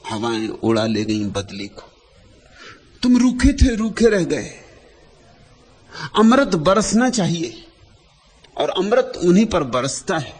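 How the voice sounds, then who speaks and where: Spiritual teacher, male, unhurried and lyrical, pitch that rises and falls widely, short phrases with long pauses between them. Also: breathy edge. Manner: lyrical, repeating phrases for emphasis. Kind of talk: spiritual discourse.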